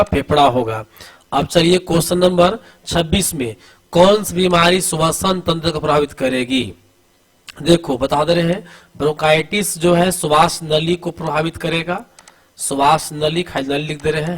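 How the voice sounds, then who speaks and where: A male coaching teacher gives an exam-prep lesson over diagrams. He asks questions, repeats the answers as a drill, and calls students "beta" while urging them to answer fast. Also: fairly high pitch, low-quality recording. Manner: addresses students familiarly, urging quick answers.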